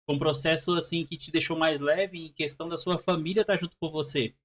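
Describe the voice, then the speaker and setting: A man co-hosting a church live stream, calmly reflecting in a preaching way and using scripture examples. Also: a little high, a little fast.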